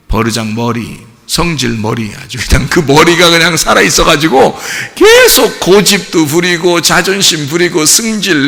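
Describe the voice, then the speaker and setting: Gravelly male pastor in an echoing church. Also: medium pitch. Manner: lively, acts out biblical figures in dialogue. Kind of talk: sermon. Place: church sanctuary.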